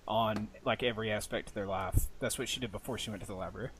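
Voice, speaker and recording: A man running a tabletop game as game master, chatting in a relaxed, easygoing way. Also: fairly low pitch, quick pace, slight background noise. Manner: relaxed, chatty, laughs easily. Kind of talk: casual tabletop game narration.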